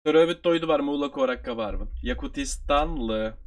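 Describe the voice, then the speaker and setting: A man with a Turkish accent, from Turkey, teaching an online review lesson and repeating phrases slowly for his learners. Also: fairly high pitch, big pitch swings, gravelly.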